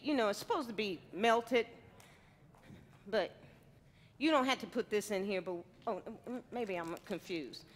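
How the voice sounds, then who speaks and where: A middle-aged female chef with a medium-pitched, slightly bright voice gives a live cooking demo to an audience. Wearing a headset mic on a stage in a large indoor hall, she's playful and teasing with the crowd, and the audio has a big hall's long reverb.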